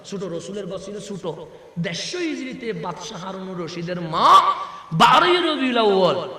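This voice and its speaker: A man preaching a sermon, asking his audience questions and answering them himself, building up to loud shouted peaks. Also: high voice, very animated, moderate pace. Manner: call-and-response questions to the crowd, rising to shouts. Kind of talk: sermon at a religious gathering. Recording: echoey hall with long reverb.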